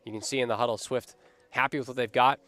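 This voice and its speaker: A man calling a lacrosse game live from a commentary booth, steady and energetic, lifting on big plays. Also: mid-range voice, quick pace. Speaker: play-by-play commentator.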